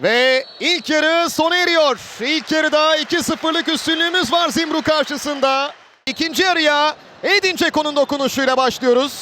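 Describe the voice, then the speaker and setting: A man giving live football play-by-play in an excitable way, with clipped phrases and drawn-out names. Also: very high voice. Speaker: football match commentator. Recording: roaring stadium crowd noise behind voice. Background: stadium crowd ambience.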